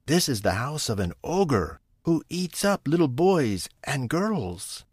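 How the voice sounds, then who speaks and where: A man voicing a kind, worried wife of an ogre in a storybook, speaking in a gentle, pleading manner. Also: fairly high pitch, sing-song, slow pace, husky, no echo, clean studio sound, pitched above the performer's own voice, heavily acted.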